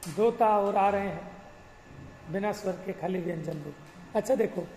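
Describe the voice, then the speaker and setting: Male scripture teacher, mellow tone, chants verses slowly and poses questions; roomy hall, faint background hiss. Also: high-pitched. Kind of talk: explanatory religious class lecture.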